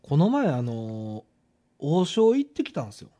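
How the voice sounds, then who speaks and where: A man's voice: fairly high pitch, huge pitch swings, normal speed, dark tone. A man with a Kansai accent, co-hosting a podcast in easygoing casual chat. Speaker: podcast co-host.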